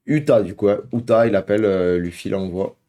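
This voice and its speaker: A young man talks casually into the mic from his home, reacting for his viewers. His voice sits fairly low and sounds dark and mellow. He rambles along with frequent hesitations and filler words, calling his audience "guys.". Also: a little fast, slight background noise. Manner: chatty, many hesitations, addresses viewers as "guys". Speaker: video reaction host.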